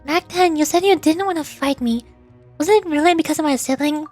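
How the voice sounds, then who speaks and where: A woman game streamer with a high-pitched voice drifts between casual chatter and reading lore aloud, talking fairly quickly in a slightly mellow way. She sounds giggly, easily confused and self-deprecating, while game music plays faintly in the background.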